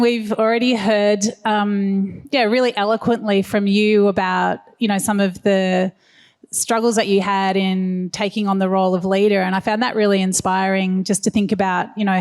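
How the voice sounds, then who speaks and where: Moderator, woman, food journalist, flat even delivery, chatty. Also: medium pitch. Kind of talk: moderating a panel.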